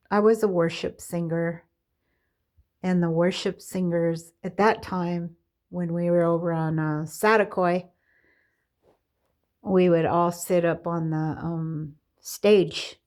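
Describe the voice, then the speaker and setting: A middle-aged woman speaks slowly, her voice gravelly with fry as she pauses, restarts and reaches for words. She tells her own life story in a candid, confessional tone. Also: on the low side, a little mellow. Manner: halting, with many fillers and restarts. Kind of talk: personal testimony, casual storytelling.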